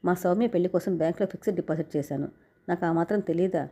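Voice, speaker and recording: A woman reading the lines of a gentle, caring young husband in a narrated story. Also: on the low side, quick pace. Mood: tender.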